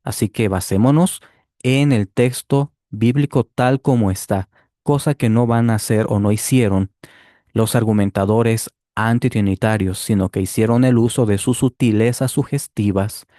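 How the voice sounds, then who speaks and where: A man giving a deliberate Bible commentary, explaining step by step and checking in with the listener. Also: lowish voice, mellow, dry recording, studio quality. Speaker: Bible teacher rebutting a clip. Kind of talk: apologetics commentary.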